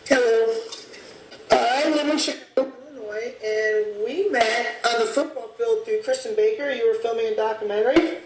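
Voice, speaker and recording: Woman in her thirties on speakerphone. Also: on the high side. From Michigan, USA. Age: 30s. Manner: halting, restarts her sentences. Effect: heard over speakerphone. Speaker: guest. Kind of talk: casual chat. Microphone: speakerphone on a video call. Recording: echoey speakerphone with faint noise.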